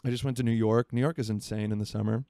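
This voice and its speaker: Man in his twenties, from Florida, solo podcast host, rambling and easily sidetracked, warm mellow tone, dry close sound. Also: lowish voice, steady tone, fast talker, no room sound. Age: 20s. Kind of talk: solo casual podcast chat. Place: home by a marina.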